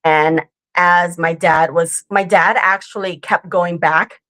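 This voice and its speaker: An earnest woman in her forties tells a personal story as an interview guest. Her voice sits a little low. She talks it through casually and keeps checking in with the listener. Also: steady tone, slow, fairly bright tone. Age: 40s. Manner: earnest storytelling with frequent "right?" and "like". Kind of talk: conversational interview.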